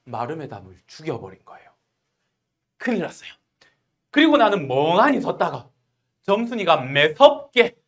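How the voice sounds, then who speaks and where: A woman teaching literature in an online exam-prep lecture, explaining animatedly and asking questions. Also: medium pitch. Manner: animated, explaining with acted quotes.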